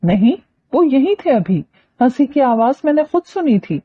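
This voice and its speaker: A woman's voice: high voice, sing-song, normal speed, husky, lo-fi sound, voice pushed up, exaggerated voice. A woman reading a novel aloud, voicing a touchy, easily flustered young woman who snaps back. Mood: irritated. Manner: irritated, sharp-tongued.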